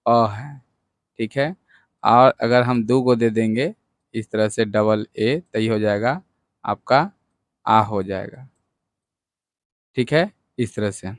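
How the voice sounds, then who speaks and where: A man teaches a lesson in an unhurried, deliberate way, and his voice sits at an ordinary middle pitch. He goes over each point more than once and keeps checking that his listeners are following. The sound is close and dry, with no room echo. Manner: patient, repeats each point with check-ins. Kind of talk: whiteboard lesson.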